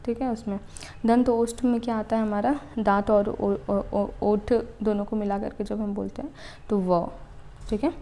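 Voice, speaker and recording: A woman teaches an exam-prep grammar lesson. Her voice sits at an ordinary middle pitch a dark, mellow tone. She sounds out each letter slowly and checks in her students after almost every point. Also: slight background noise. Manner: explains step by step, repeating "ठीक है" to check understanding.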